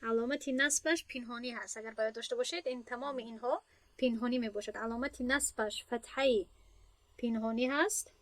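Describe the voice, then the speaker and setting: A woman's voice: a little high, steady tone, no echo, rough recording. A woman teaching an Arabic grammar lesson in Persian as her first language, explaining step by step, asking students questions and praising their answers.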